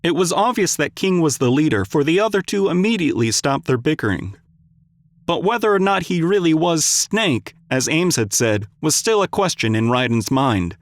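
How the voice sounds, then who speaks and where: Male fan narrator, steady audiobook reading, dry recording. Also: a little high, normal speed, dry recording.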